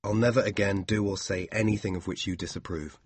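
A man voicing a sincere, devoted young man, speaking slowly and earnestly. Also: on the low side, steady tone, breathy edge, dry recording.

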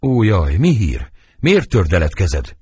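A man's voice: low voice, wildly swooping pitch, a little mellow, breathy edge, no room sound, studio quality, full character voice. A man reading the part of young Juliet, anguished and passionate, in dramatic verse.

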